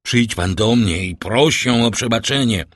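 A man voicing a frantic, grief-stricken middle-aged prosecutor and father in an audiobook, with desperate, shouting outbursts. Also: mid-range voice, measured pace, dry recording, studio quality. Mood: despairing. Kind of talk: audiobook character voice.

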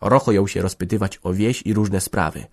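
A man with a fairly low voice reading a classic novel aloud. His delivery is even and measured, in a steady storytelling manner. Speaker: audiobook narrator. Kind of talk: scripted literary narration.

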